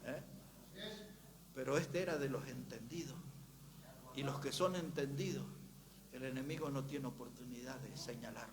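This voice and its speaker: A man preaching a Baptist sermon, emphatic, moving between quiet asides and loud, rising passages. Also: mid-range voice, normal speed, long pauses, noisy background.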